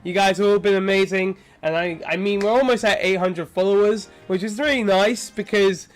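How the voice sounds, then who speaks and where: A young man with a high, steady voice streams a game from his home room at normal speed, with faint music playing behind him. He's congested from a sinus infection and chats casually, rambling and staying friendly with his chat.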